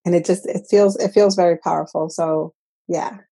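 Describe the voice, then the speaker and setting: Mellow-voiced woman from the Dominican Republic. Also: fairly low pitch, fairly even intonation, normal speed, gravelly, husky. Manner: reflective, earnest, with many restarts. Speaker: guest. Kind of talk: personal interview.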